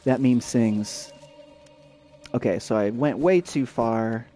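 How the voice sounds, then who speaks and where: A man's voice: mid-range voice, slow, mellow, soft background music. A young adult man streaming a video game, chatting casually and rambling with lots of fillers and restarts. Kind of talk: casual let's-play chat.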